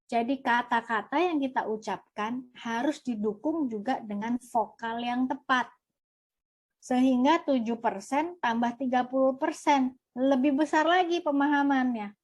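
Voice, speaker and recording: A woman teaching a workshop, lively, asking and answering her own questions. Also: high voice, unhurried. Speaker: trainer. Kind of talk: online workshop lesson.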